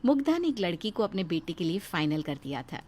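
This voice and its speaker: A woman giving steady scripted narration for a cartoon moral story. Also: lowish voice, brisk, music in the background.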